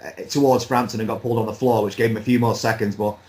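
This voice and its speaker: Low-voiced man giving relaxed opinions. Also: fast, rough recording. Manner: relaxed, rambling, with light laughs. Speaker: boxing pundit. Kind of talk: casual chat.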